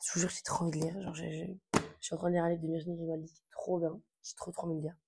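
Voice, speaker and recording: A woman's voice: on the low side, flat delivery, very fast, vocal fry, background noise. A young woman chatting casually to camera about books she wants to read, informal and full of fillers. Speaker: book vlogger.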